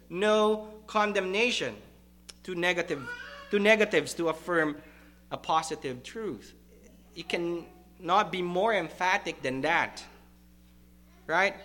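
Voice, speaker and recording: A male pastor preaching a sermon to his congregation, emphatic and deliberate, repeating key words for stress. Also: high voice, pushed and bright, a little hiss or hum.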